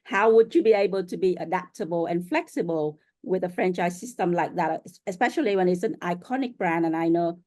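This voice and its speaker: A woman's voice: lowish voice, a little fast, few pauses, darkish tone. A woman hosting an interview show, welcoming her guest and asking questions with frequent "um"s and "uh"s. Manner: friendly, many fillers. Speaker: host.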